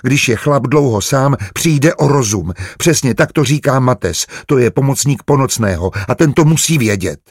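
A man voicing a naive, anxious young female servant who speaks in a rushed, pleading way in an audiobook. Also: medium pitch, animated, no room sound, clean studio sound, pitched above the performer's own voice. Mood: earnest.

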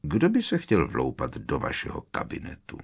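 A man voicing a gruff, grizzled older male dark-wizard hunter who growls slowly and menacingly, in an audiobook reading. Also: rumbling low, wildly swooping pitch, pitched below the performer's own voice, heavily acted. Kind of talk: audiobook character voice.

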